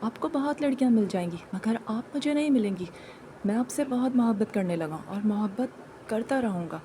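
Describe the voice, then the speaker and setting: An earnest young suitor, voiced by a woman in a dramatized story reading, insisting on his feelings again and again. The voice sits fairly high and sounds warm and mellow. A faint background hum is present. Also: lively intonation, fairly quick, close to an everyday voice. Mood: pleading. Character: young man, lovestruck and pleading suitor.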